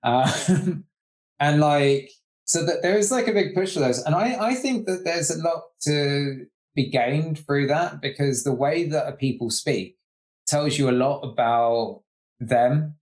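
A man from the UK in casual chat, rambling with lots of fillers and getting animated as he makes his points. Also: a little high, measured pace. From United Kingdom. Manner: rambling, heavy use of "like", animated.

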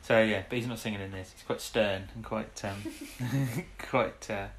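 A man co-hosts a casual podcast, rambling through a recap of an old TV episode with restarts, self-interruptions and chuckles. His voice is lowish and steady at a moderate pace, with slight background noise.

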